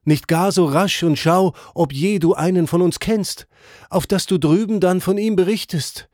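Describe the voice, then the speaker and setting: A man's voice: high-pitched, moderate pace, a little mellow, no room sound, clean studio sound, pitched above the performer's own voice, close to an everyday voice. A man voicing pleading souls of the dead. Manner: urgent, beseeching calls.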